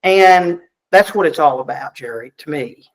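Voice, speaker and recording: A man's voice: fairly high pitch, lively intonation, moderate pace, low-quality recording. A middle-aged man with a Southern US accent, a country duet singer chatting in an interview with folksy, self-deprecating talk and frequent repeated word starts. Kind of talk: casual interview chat.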